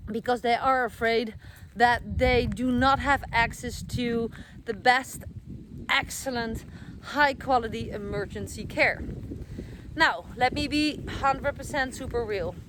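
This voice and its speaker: A middle-aged Dutch woman with a Dutch accent vlogs casually to camera outdoors in a garden where trees are being planted. Her voice is a little high, she uses plenty of fillers and corrects herself often, and there's noise in the background.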